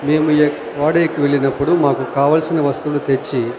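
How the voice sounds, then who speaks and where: A man reading scripture aloud in a church, measured and formal. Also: a little high, steady tone, noisy background. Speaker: scripture reader. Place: church hall. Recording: long reverb of a church hall.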